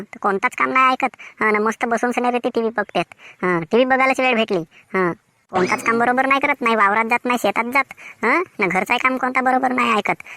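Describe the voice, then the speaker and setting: A woman's voice: a little high, sharp tone, no room sound. A woman voicing a nagging village wife in a Varhadi Marathi accent, talking in a scolding, complaining way. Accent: Vidarbha Marathi (Varhadi). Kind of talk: cartoon voice acting.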